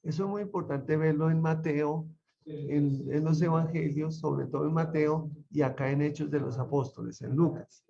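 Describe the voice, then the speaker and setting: A man with a mellow, slightly high voice teaches an online Bible class. He talks conversationally and keeps checking in with his students through questions. The audio is muffled. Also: steady tone, normal speed, vocal fry. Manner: conversational, asks the class frequent rhetorical questions.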